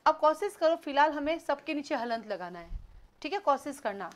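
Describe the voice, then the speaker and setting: A woman teaching an online class, quizzing students, brisk and scolding, mixing in English words. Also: high-pitched, lively intonation. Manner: mixes Hindi with English words.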